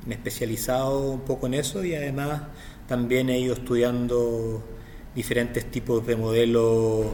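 A man's voice: medium pitch, darkish tone, in a large hall, slight background noise. A middle-aged man with a Chilean accent, speaking as an interview guest in a hesitant, reflective way with frequent restarts. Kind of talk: interview conversation.

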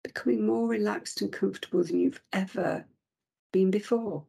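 A woman slowly guiding a relaxation meditation in a soothing voice, often dropping to a whisper. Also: medium pitch, creaky, warm tone, breathy edge. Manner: slow, soothing, drifting into whispers.

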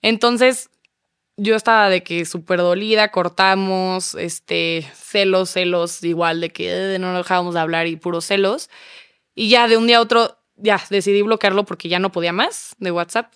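Mexican woman in her twenties, podcast guest, animated storyteller, smooth and resonant, close dry sound. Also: medium pitch, normal speed, dry recording. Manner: animated, acts out quoted dialogue. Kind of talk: casual storytelling chat.

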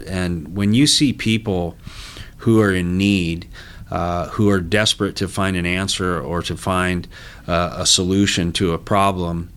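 A man speaking as an interview guest, a business executive talking earnestly and haltingly with frequent restarts. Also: deep voice, fairly bright tone, smooth. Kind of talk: interview talk.

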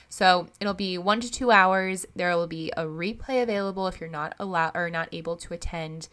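A young woman hosting a podcast in a casual, rambling chat, her voice still raspy from recovering after losing it, chatty and upbeat with lots of fillers. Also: lowish voice, a bit bright. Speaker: podcast host.

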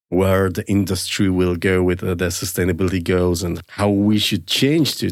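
Deep-voiced enthusiastic man hosting a podcast. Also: no echo, studio quality. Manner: enthusiastic, upbeat. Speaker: podcast host. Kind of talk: podcast introduction and interview.

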